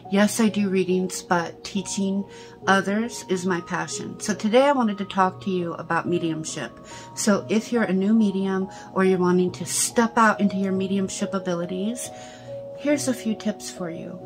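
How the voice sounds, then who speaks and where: A woman's voice: medium pitch, normal speed, faint music behind. A middle-aged woman speaks through a cloth face mask, giving a casual, conversational instructional talk as a teacher, often checking in with her listeners. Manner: conversational, explains with everyday comparisons and frequent check-in tags. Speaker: psychic medium and teacher. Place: small indoor room.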